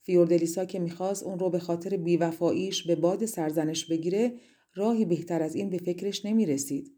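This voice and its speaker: A woman narrating a fairy-tale audiobook in a measured storytelling way. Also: lowish voice, fairly even intonation, warm tone.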